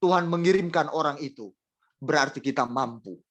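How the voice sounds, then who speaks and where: A man preaching a sermon, speaking straight to the congregation and repeating phrases for emphasis, with emotional swings between loud and soft delivery. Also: on the high side, normal speed.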